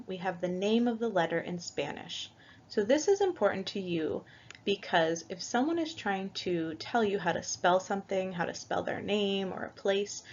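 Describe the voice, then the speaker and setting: A woman teaching a Spanish language lesson, going through the alphabet letter by letter and patiently spelling out each example. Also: on the low side. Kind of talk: slow, careful language lesson. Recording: dull lo-fi recording.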